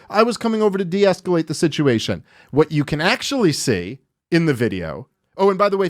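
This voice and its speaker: A man in his thirties hosting a podcast, ranting in heated, profane, sarcastic commentary and acting out quotes in mocking voices. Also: on the high side. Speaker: podcast host.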